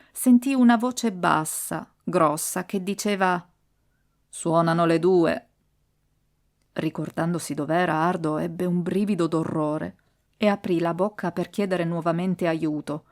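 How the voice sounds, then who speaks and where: A woman's voice: fairly low pitch, a little mellow. A woman narrating a classic short story as an audiobook, reading it expressively and dramatically. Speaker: audiobook reader. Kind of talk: scripted narration.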